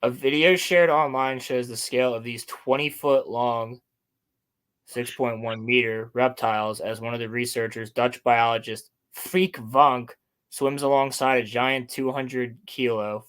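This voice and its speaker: Male host, average pitch, casual chat, reading articles aloud, presenting to a co-host. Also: steady tone, measured pace, fairly bright tone.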